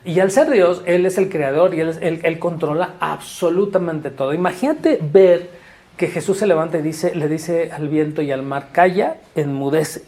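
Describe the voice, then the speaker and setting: A man's voice: a little high, a little mellow. A man preaching a conversational sermon, full of fillers and rhetorical questions. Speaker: pastor.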